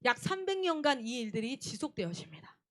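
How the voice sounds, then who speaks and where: A young woman missionary preaching a sermon who tells stories, acts out shouted scenes and then drops to a low, earnest tone. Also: sing-song, fairly quick. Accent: Gyeongsang dialect in places. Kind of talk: animated sermon with storytelling.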